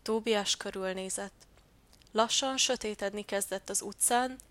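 Woman gently narrating a storybook. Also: mid-range voice, no room sound.

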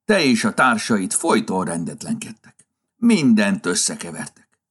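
A man's voice: fairly low pitch, slightly rough, heavily acted. A man voicing a grumpy, flustered old Santa Claus in a storybook reading, with a scolding, impatient manner. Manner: scolding, then tender and excited.

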